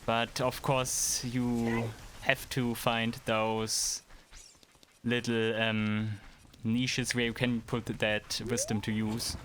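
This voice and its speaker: Slow and relaxed, a thirtysomething German streamer narrates his gameplay, chuckles and responds to questions from chat. His voice is mid-range, with game music playing and a slight hiss or hum in the recording.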